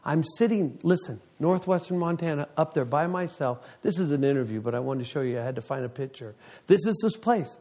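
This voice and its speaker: A man in his fifties giving an emotional testimony to his congregation as its ministry leader. He tells the story with great animation, and his voice surges high whenever he gets excited. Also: brisk, hardly any pauses. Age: 50s.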